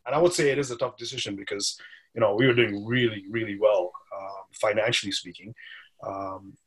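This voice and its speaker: Husky-voiced man telling his story. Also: fairly low pitch, fairly quick. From Dubai. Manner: animated storyteller, laughs often. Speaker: podcast guest. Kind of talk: casual interview chat.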